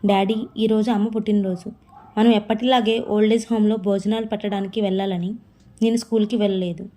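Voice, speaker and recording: Storybook: woman voicing an earnest, grieving young girl, mellow and plain. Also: medium pitch, level tone, a little fast, close to an everyday voice. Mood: sorrowful. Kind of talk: storybook reading.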